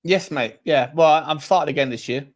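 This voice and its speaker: A man's voice: a little high, moderate pace. A man chatting casually as a football fan panellist, hesitant and repeating words as he thinks aloud. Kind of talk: casual chat.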